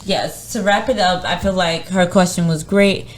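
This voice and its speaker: A woman's voice: on the low side, steady tone, normal speed, heavy background noise. A woman co-hosting a casual group chat who steers the talk and restates the others' points.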